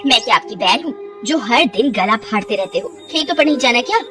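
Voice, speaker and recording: Woman voicing a sharp-tongued lazy young wife. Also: a little high, lively intonation, fairly quick, over music, natural voice. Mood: scolding. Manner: sarcastic, scolding.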